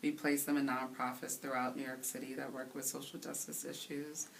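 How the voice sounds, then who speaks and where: Very low-voiced woman DJ, thoughtful. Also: flat delivery, creaky. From Haiti, raised in the Bronx. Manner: thoughtful, earnest, pausing to find words. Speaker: interview guest. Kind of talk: casual interview. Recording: voice somewhat distant from the mic, faint hiss.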